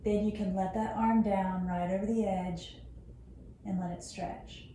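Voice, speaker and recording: A middle-aged woman gives health instruction to camera as a therapist and yoga teacher, in a measured, explanatory way with clinical vocabulary. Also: mid-range voice, steady tone, mellow. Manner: measured, explanatory, uses anatomical terms. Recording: roomy, distant mic, noticeable background noise.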